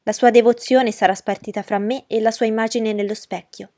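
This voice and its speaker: A woman's voice: a little high, steady tone, fairly quick, warm tone, no room sound, clean studio sound. A woman reading aloud and voicing a proud, mocking young noblewoman who talks in a commanding, scornful way. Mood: haughty. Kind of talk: audiobook character reading.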